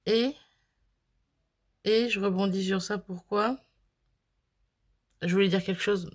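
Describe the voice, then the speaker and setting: A woman's voice: medium pitch, steady tone, takes it slowly. A chatty woman from France who vlogs about crafting, casually showing swapped cards and laughing at her own slips. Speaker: crafting vlogger.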